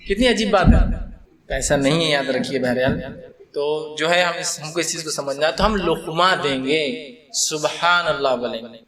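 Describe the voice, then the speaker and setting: A man teaching a conversational religious lecture, lively and acting out worshippers as he explains. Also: a little high, a crowd in the background. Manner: lively, acts out people in the mosque.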